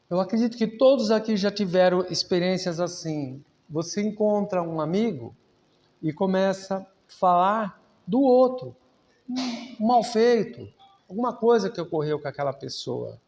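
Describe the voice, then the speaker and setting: A man's voice: high voice, animated, measured pace, darkish tone. A man with a Brazilian Portuguese accent giving an earnest, conversational spiritist lecture at a public meeting, drawing on personal anecdotes.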